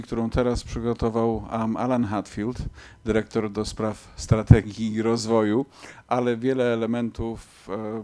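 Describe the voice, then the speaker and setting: A man moderating a conference, thanking and introducing speakers in a measured way. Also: mid-range voice, mellow.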